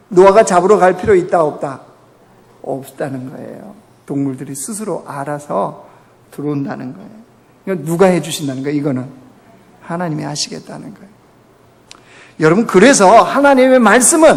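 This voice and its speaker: A man's voice: high voice, vocal fry. A male pastor preaching a sermon in a church, constantly firing rhetorical questions at the congregation. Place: church sanctuary. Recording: long reverb of a church hall.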